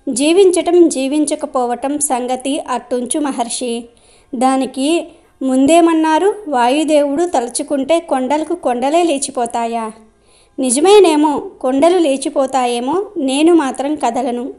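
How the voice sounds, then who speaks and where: A woman voicing a proud, boastful giant silk-cotton tree in a storybook tale, in a high voice. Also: measured pace, warm tone. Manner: boastful, then worried.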